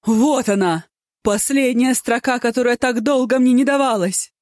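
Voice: mid-range voice, animated, normal speed, a little mellow, dry recording, studio quality, pitched above the performer's own voice, lightly acted. A narrator voicing a flamboyant, tipsy male poet who is effusive and theatrically pleased with himself. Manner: effusive, theatrical, self-satisfied.

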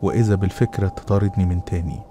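A man's voice: deep voice, steady tone, rapid-fire, dark tone, soft background music. A man with an Egyptian accent narrating a first-person horror story in a dramatic, confessional way.

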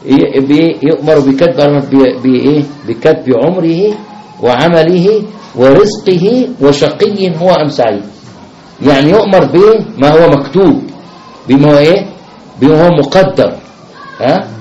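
A man's voice: fairly high pitch, brisk, dark tone. A man teaching religion to a class of new Muslims. He keeps asking the class questions and often starts his sentences over. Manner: repeats questions to the class, many fillers and restarts. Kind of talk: religious lesson. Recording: dull roomy classroom recording with faint noise.

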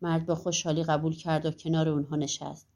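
A woman narrating a fairy-tale audiobook in a calm, even storytelling manner. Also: sits low.

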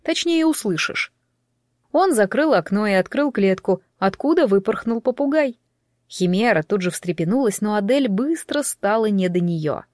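Woman narrator, expressive audiobook reading, mid pitch, dry booth sound. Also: normal speed, dry recording. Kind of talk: scripted narration.

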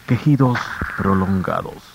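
A man tells a grim tale in a measured, solemn way, as in an old radio show. His voice sits very low and moves at an unhurried pace. The recording is muffled and carries a faint hiss. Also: vocal fry. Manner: measured, grave storytelling. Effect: old radio show broadcast sound. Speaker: narrator. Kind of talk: scripted dramatic radio narration.

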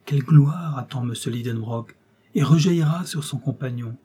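A man reading an audiobook, voicing a gentle but resolute young woman who speaks softly and earnestly. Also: mid-range voice, normal speed, breathy edge, natural voice. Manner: soft, earnest, tender.

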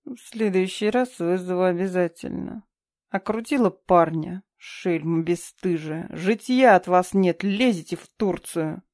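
A woman voicing a spiteful, grumbling old neighbor woman who scolds slowly and sourly. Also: fairly low pitch, a little mellow, no echo, studio quality, natural voice. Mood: scolding. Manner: scolding, slow and sour.

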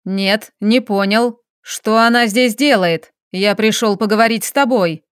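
A woman's voice: medium pitch, smooth, dry recording, clean studio sound, natural voice. A woman doing a bitter, mocking estranged husband. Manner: mocking, measured, spits words out.

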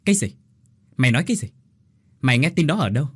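A man's voice: mid-range voice, animated, moderate pace, dry recording, lightly acted. Man doing a fawning, spineless husband. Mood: startled. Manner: fawning, stammering. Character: selfish, spineless husband, grasping adult man.

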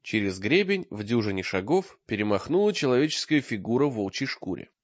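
A man reading an audiobook in expressive scripted narration, recorded with a dull lo-fi sound. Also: medium pitch, brisk, no echo. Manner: lively, expressive storytelling.

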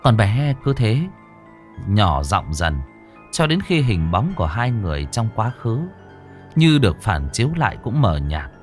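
A man narrating a horror story in a slow, expressive, dramatic manner. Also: fairly low pitch, faint music behind.

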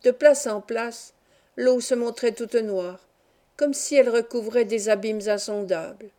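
A woman reading a classic novel aloud as an audiobook, in a calm, even storytelling manner. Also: fairly high pitch, measured pace. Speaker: audiobook reader. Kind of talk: scripted narration of a classic novel.

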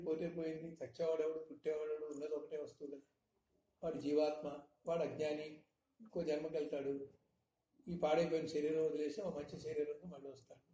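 A man giving a spiritual discourse, teaching with frequent rhetorical questions in a measured, emphatic manner. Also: a little high, dark tone. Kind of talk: satsang discourse. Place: hall in Hyderabad. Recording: echoey room, faint noise.

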